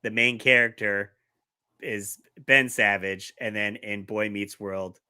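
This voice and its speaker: A man's voice: fairly low pitch, fairly even intonation, slow pace, bright, forceful tone, smooth. A man co-hosting a casual podcast, rambling and laughing as he loses his train of thought. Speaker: podcast co-host. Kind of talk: casual chat.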